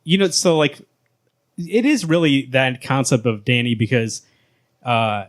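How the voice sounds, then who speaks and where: A man hosting a podcast, chatting casually and enthusiastically, peppering his talk with "like" and "right". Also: medium pitch. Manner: quick, enthusiastic, many likes and rights. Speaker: podcast host. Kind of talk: casual chat.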